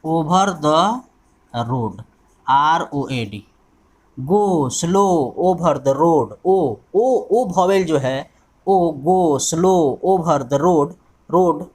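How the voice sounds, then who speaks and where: A male teacher speaks at a very slow, deliberate pace, spelling out words one letter at a time. His voice now and then drifts away from the mic. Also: a little high. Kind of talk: exam-prep English grammar lesson.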